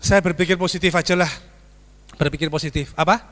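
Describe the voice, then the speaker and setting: A pastor with a fairly high voice speaks briskly, delivering a storytelling sermon in a church sanctuary with hall reverb. He's animated, acting out screams and dialogue and addressing the congregation as "saudaraku".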